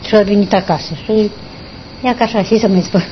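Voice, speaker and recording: A woman's voice: mid-range voice, steady tone, slight background noise. Older woman, rambling storyteller. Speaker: interviewee. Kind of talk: oral history recollection. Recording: dull lo-fi recording.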